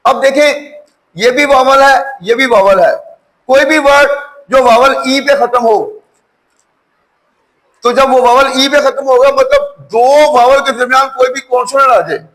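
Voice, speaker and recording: Man, very high voice, phonics lecture, slow repetitive explaining. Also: fairly even intonation, a bit bright, low-quality recording. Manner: slow, repetitive explaining, spells words letter by letter. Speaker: English teacher.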